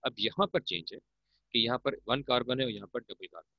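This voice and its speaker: Gravelly male chemistry teacher, lo-fi. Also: mid-range voice, fairly quick, dry recording. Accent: Pakistani Urdu. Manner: patient explaining, calls students "beta". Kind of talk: classroom lecture. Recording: muffled, dull lo-fi recording.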